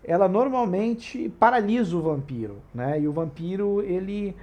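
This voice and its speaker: A man's voice: high-pitched, lively intonation, normal speed, a little mellow. A man with a Brazilian Portuguese accent, hosting a tabletop RPG channel and explaining rules in a casual, digressive way with frequent tag questions.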